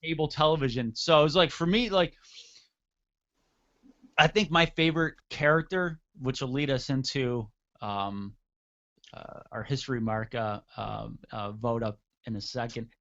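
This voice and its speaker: A man co-hosting a casual wrestling talk show, animated and rambling, often laughing. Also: mid-range voice, a little slow, dull audio. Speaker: co-host.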